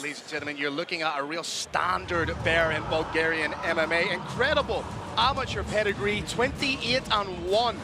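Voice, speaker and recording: A play-by-play commentator with a high voice calls a fight broadcast, reading out the fighters' records in a polished broadcaster's style. Music plays under his voice, and the background is noisy.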